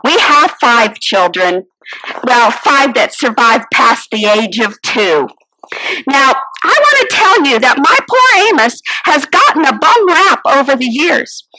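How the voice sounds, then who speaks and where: Kvetching as a fretful innkeeper's wife with a head for business, a woman tells her story in a dramatic first-person monologue, sighing and exclaiming. The voice is high and slow with big pitch swings, a sharp, exaggerated tone, and low-quality recording.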